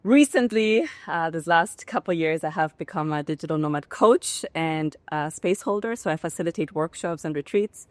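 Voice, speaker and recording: A woman in her thirties from Spain joins a podcast over a video call. Her voice is very low and sounds dry, with no room echo. She talks in a reflective, earnest way. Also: moderate pace, hardly any pauses. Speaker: guest, digital nomad coach. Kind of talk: casual interview.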